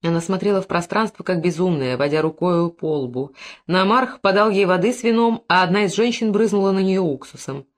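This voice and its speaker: A woman with a lowish voice narrates an audiobook. Her reading is even and expressive, steady throughout. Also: brisk.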